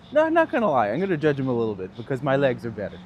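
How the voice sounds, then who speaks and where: A man in his thirties with a Northern Ontario accent livestreams as a tour guide while walking outdoors on a city street, chatting casually and laughing as he answers viewers. His mid-range voice swoops wildly in pitch and he talks fast. The recording is muffled, with faint street traffic behind him.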